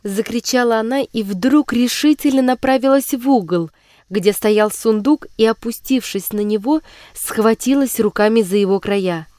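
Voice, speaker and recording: A woman's voice: a little high, dry recording, studio quality. Woman reading a storybook aloud. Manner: measured, expressive reading. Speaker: narrator. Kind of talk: scripted storybook narration.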